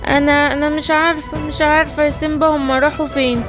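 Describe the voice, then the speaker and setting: A woman's voice: high voice, flat delivery, quick pace, over music, natural voice. A woman with an Egyptian accent voicing a playful young female animal friend.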